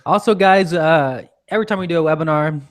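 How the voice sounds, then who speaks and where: An easygoing man from the United States chats casually as co-host of a live online webinar. He is quick to laugh and keeps his tone relaxed and friendly. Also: fairly high pitch.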